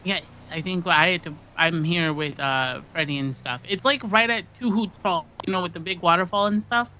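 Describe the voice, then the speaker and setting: Bright-voiced minnesota accent, teasing and bossy, game chat. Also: medium pitch, normal speed, a little hiss or hum, poor audio. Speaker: roleplay friend on a call.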